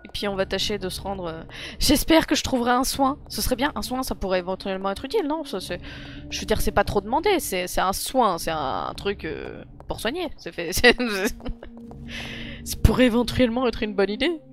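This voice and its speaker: A woman's voice: medium pitch, big pitch swings, brisk, faint music behind. A young woman from France playing a horror video game live, chatting to her viewers and laughing at her own mistakes. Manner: giggly, self-mocking, talks to chat. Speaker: gaming streamer. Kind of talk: let's play commentary. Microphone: desk mic with headphones.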